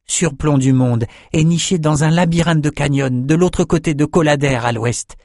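A man's voice: fairly high pitch, moderate pace, darkish tone, dry recording, clean studio sound, voice pushed up, natural voice. A man voicing an earnest young male swordsman in an audiobook. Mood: eager.

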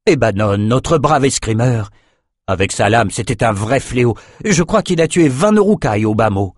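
A man's voice: medium pitch, expressive, normal speed, darkish tone, no room sound, studio quality, lightly acted. A man voicing a burly bearded fisherman who is now mayor, confident and hearty.

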